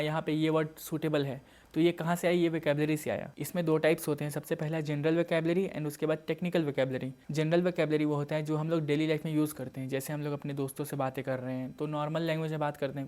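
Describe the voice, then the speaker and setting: A man's voice: fairly high pitch, flat delivery, fast, hardly any pauses, a little mellow. A young man giving a casual exam-prep lecture, explaining terms with everyday examples and mixing in English words. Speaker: teacher.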